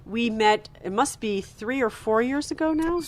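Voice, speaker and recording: A woman's voice: on the high side, animated, moderate pace. A woman editor hosting an interview in a festival studio, framing long questions with occasional fillers. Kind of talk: interview host.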